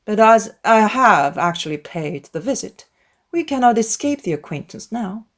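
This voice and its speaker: A woman voicing a wry middle-aged gentleman father in a dramatized classic novel, speaking in a formal, mock-solemn, teasing way. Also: mid-range voice, sing-song, normal speed, voice pushed up.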